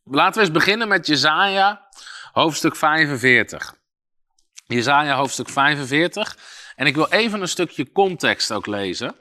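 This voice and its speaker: A man's voice: on the high side, very animated, moderate pace, sharp tone. A man preaching a sermon, reading scripture aloud and explaining it with emphasis, answering imagined questions from listeners.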